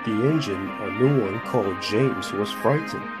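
A man's voice: on the low side, measured pace, over loud music. Man reading a storybook aloud. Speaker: narrator. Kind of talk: storybook narration.

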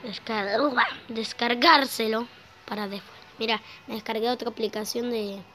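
A woman's voice: on the high side, flat delivery, brisk, a little hiss or hum, low-quality recording. A young woman with a Rosario accent from Argentina, rambling casually while playing a game, swearing offhandedly and coughing a little because she has just woken up. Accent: Argentine Spanish, Rosario. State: slight cough, just woke up. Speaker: gameplay streamer. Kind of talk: casual gameplay commentary. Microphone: phone recording app. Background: loud game music.

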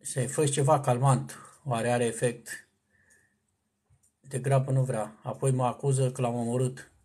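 A man's voice: mid-range voice, little pitch movement, darkish tone. A man chatting casually on a live stream, reading viewer comments and answering them.

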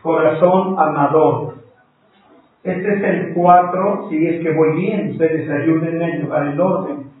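A man leads a Bible class at a very unhurried pace, spelling out each word letter by letter for his listeners. His voice sits a bit high for a man. It comes from well away from the mic, in a strongly echoing room, through a narrow, phone-like sound. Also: fairly even intonation, far from the mic. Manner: slow and deliberate, spelling words out letter by letter; patient, addresses listeners as brothers. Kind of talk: live-streamed Bible class.

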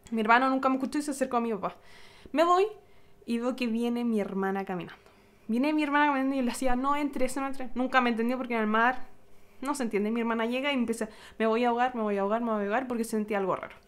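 Young woman, Chilean accent, casual vlog storytelling, animated, sound effects, fairly high voice. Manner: animated retelling with sound effects and acted-out quotes. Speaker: vlogger.

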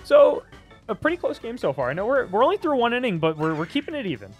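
A young man with a high-pitched voice calls a video game match in a loose, chatty way. He sounds excited whenever the action picks up. Faint music plays underneath. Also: fast. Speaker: commentator. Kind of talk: casual game commentary.

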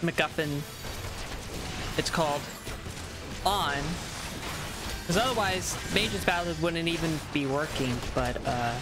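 Woman streamer, casual gaming chat, unhurried, stumbles over words, music playing behind. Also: sits low. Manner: rambling, repeats words and restarts, apologetic.

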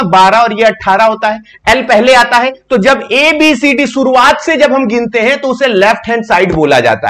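A man's voice: very high-pitched, fairly bright tone. A young man teaching a live online exam-prep reasoning class, joking and chatting with viewers as he explains.

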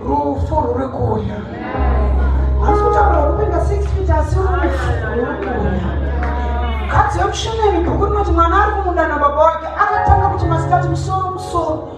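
Fast, high Zimbabwean woman preaching at a pulpit mic. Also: animated, a loud crowd. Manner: forceful preaching, switching between Shona and English. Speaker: evangelist. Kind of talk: sermon. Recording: echoey church hall, distant mic, loud music behind.

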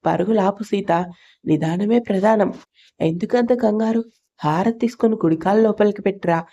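A woman's voice: medium pitch, moderate pace, dark tone, lo-fi sound, lightly acted. A woman voicing a stern, commanding middle-aged mother-in-law in a storybook narration.

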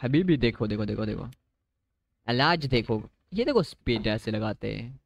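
A man's voice: medium pitch, lively intonation, moderate pace. A man giving chatty live commentary on his game, talking straight to his viewers and mixing in English phrases. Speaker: gaming streamer.

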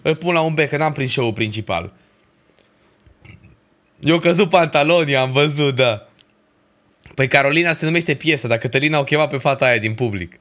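A man's voice: a little high, long pauses. A young man, chatting casually on a livestream and ranking festival shows, full of slang and swearing. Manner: animated ranting with slang and swearing.

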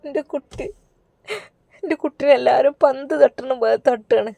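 A woman's voice: moderate pace, vocal fry, dark tone, no echo. A woman voicing a tearful Malabar mother. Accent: Malabar Malayalam. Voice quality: high, pleading, crying. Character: tearful worried middle-aged mother. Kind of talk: storybook narration.

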